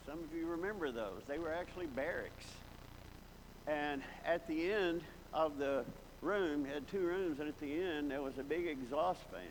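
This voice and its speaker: A man preaching a sermon, telling folksy stories from his past and building to emphatic exclamations. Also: medium pitch. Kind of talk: sermon with storytelling. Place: large church hall. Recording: long hall reverb, faint background noise.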